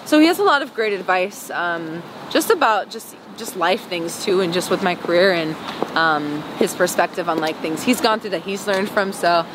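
A young adult woman from Wisconsin, USA, a singer, speaks in a lowish voice at a moderate pace. She chats casually and giggles during an interview, using lots of "like" and "um" as she walks along a city sidewalk. A handheld camera captures her up close, with street noise in the background.

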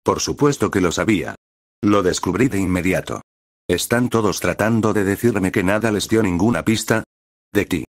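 Storybook: man reading a sarcastic, fed-up young male hero trainer, very deep, dry close sound. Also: moderate pace, dry recording. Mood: exasperated.

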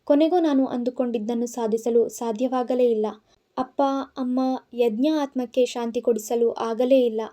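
A woman narrating a dramatic audio novel in an emotional, measured storytelling manner. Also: fairly high pitch, fairly even intonation, warm tone.

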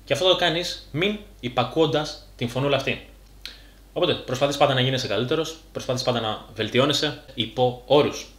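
A man's voice: mid-range voice, fairly bright tone. Blunt, slangy man in a roomy space. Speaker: fitness YouTuber. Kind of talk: casual direct-to-camera monologue.

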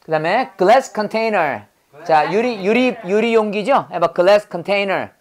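Taking it slowly in a high-pitched voice, a middle-aged male pastor runs an English vocabulary lesson built on call-and-response. He has the class echo words, quizzes them, and corrects how they pronounce things.

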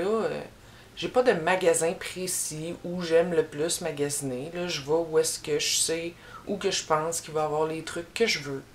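A young Québécois YouTuber with a low-sitting voice works through tag questions at a leisurely pace, rambling and stopping on fillers. A slight hiss or hum runs underneath. She's from Quebec, filmed head-and-shoulders by a front camera in a small room backed by a bookshelf.

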